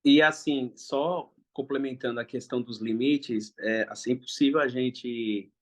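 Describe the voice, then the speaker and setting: A man's voice: mid-range voice, fairly even intonation, a little slow. A young man, a father, speaking in a casual interview in a hesitant, thoughtful way with frequent restarts.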